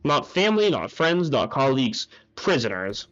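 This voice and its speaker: A man's voice: medium pitch, sing-song, moderate pace, a bit bright. A man voicing a cold, condescending male researcher who talks in a formal, lecturing way, heard on muffled audio with faint game music.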